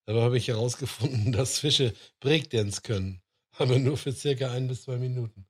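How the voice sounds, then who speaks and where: A man's voice: medium pitch, fairly quick, darkish tone, husky. A man telling jokes loosely among friends, with fillers and loose phrasing. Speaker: joke teller.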